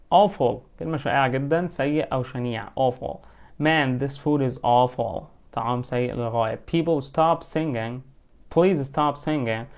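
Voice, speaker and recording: A man with an Egyptian Arabic accent teaches an English lesson, explaining in colloquial Arabic and reading English example sentences slowly and carefully. His mid-range voice has a darkish, clean tone.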